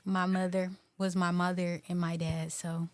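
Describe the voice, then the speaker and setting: A woman's voice: lowish voice, level tone, moderate pace, no echo. Laid-back young woman podcast guest. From Chicago and Atlanta. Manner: laid-back, joking, candid. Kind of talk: casual podcast interview.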